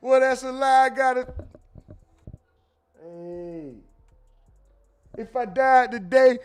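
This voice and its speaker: High-voiced man hosting a livestream. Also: clear, resonant tone. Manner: reads viewer comments aloud with quick asides and laughs. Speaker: livestream host reading super chats. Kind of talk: casual live commentary.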